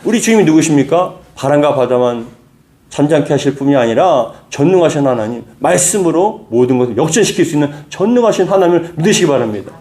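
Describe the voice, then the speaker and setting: A middle-aged male pastor preaching a Sunday sermon, repeating phrases and building to strong peaks, and reading scripture slowly aloud. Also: a little high, expressive, mellow. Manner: reads scripture slowly with the congregation.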